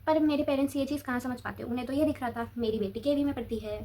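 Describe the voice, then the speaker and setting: A woman's voice: high voice, fairly even intonation, fast talker, warm tone. A teenage girl vlogging casually, telling a long school story in a chatty way while applying a face pack.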